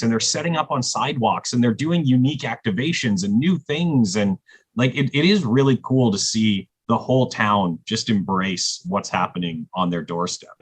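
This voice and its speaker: A man who programs a music festival, chatting on a podcast and telling excited stories with animated quoted dialogue. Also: medium pitch, breathy edge, no room sound. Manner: excited storyteller, lively acted-out quotes. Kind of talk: casual podcast conversation.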